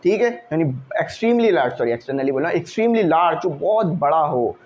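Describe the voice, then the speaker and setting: A man teaching an English vocabulary lesson, who explains each word slowly, checks in with "okay" and puts questions to the class. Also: on the high side, lively intonation, a little mellow, slight background noise.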